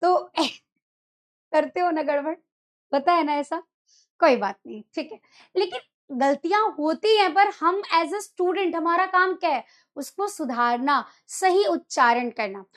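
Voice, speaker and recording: A woman's voice: extremely high pitch, lively intonation, a little slow. A young woman teaching a Hindi lesson to school students in a chatty, teasing way, often scolding them fondly as children. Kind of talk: online exam-prep lecture.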